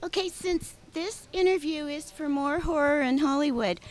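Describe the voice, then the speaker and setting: A woman interviewing a guest, her voice pitched notably high. She asks questions in a chatty, playful manner. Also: moderate pace, a little hiss or hum.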